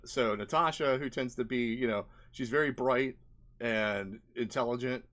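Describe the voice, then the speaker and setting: In casual screen-share commentary, a man presents his experiments as an indie game developer, rambling and thinking out loud as he goes. His voice is medium-pitched with a fairly bright tone, at normal speed.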